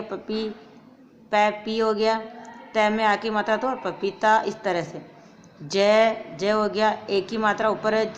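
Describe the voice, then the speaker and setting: A woman teacher giving a recorded grammar lesson to young children, going slowly, repeating each point and asking questions that she answers herself. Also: medium pitch, highs cut off. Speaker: primary school teacher.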